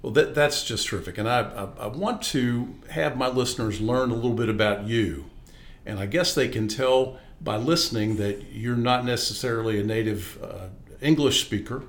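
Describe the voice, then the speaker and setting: A man's voice: medium pitch, normal speed. A man hosting a podcast, reading an introduction and then asking questions with many hesitations and restarts. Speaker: podcast host.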